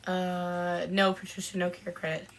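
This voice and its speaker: A woman co-hosting a podcast in a casual live-stream chat, chatting as she answers viewer comments with frequent ums and pauses. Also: fairly low pitch, level tone, a little hiss or hum. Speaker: podcast co-host.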